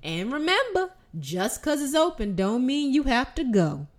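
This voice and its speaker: A woman's voice: sits high, very animated, a little slow. A woman voicing an older church lady who reads out weekly announcements in a folksy, scolding, emphatic way. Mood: bossy, folksy.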